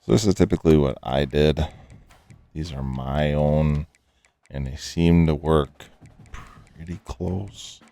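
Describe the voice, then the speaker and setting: Speaking slowly and pausing often, a middle-aged man with an extremely deep, failing voice talks his way through a football video game. As a gaming channel host, he keeps the commentary casual and easygoing, rambling along with lots of fillers.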